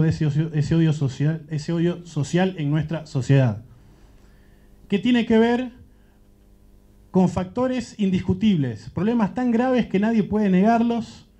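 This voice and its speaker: Earnest man with a very dark voice. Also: sits high. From Central America. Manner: earnest, searching, thinks aloud. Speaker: panelist. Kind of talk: reflective panel talk. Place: panel event. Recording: dull muffled event recording.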